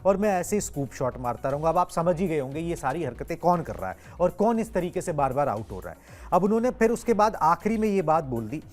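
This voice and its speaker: A man's voice: on the high side, very animated, a little fast, faint music behind. A man hosting a cricket news discussion, explaining in a chatty way with idioms and fillers. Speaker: sports show host.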